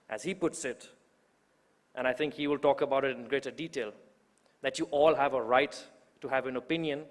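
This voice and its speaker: Young guy in his 20s making a fired-up speech, voice a bit high, long echo in a big hall. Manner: rousing, emphatic, with rhetorical repetition. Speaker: youth organizer introducing the main speaker. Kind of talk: public speech at a political event. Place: large event hall.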